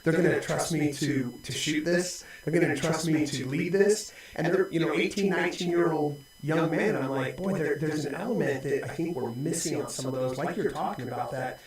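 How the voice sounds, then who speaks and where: A man's voice: fairly high pitch, brisk, few pauses, slight background noise. A man in his forties, a pastor, talking reflectively in casual conversation with many restarts. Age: 40s. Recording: very echoey room.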